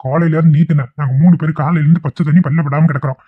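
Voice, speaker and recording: A man with a Kongu Tamil accent voicing an angry young village husband who shouts and nags in a cartoon. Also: on the high side, steady tone, racing, husky, no echo. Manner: shouting, nagging. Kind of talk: cartoon voice acting. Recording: tinny lo-fi phone-like audio.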